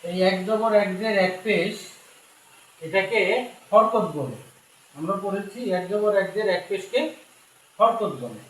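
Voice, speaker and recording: A man's voice: high-pitched, expressive, a little slow, pauses often, fairly bright tone. A man with a Bangladeshi Bengali accent teaching a Quran reading lesson, patiently repeating and spelling out each letter. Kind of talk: slow step-by-step recitation lesson. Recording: very echoey room, distant mic, faint noise.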